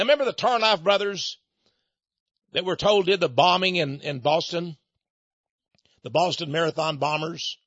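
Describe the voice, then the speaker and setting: A man's voice: high voice, fairly bright tone, no echo. A man hosting a talk show, delivering an opinionated monologue in a sarcastic, mocking way. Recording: dull lo-fi sound.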